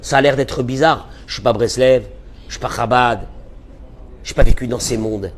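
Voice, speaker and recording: A man delivering a fervent sermon as a rabbi, his voice at an ordinary male pitch. He pleads and repeats key phrases, swinging from hushed to loud. A faint hiss sits under the recording. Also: normal speed. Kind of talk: impassioned religious lecture.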